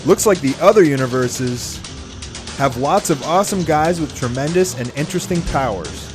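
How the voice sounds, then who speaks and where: Excitable boyish anime hero, teaser style. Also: female voice, low-pitched, normal speed, music in the background. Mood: excited, eager. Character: excitable young martial-arts hero, cheerful and boyish. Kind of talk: anime next-episode teaser narration.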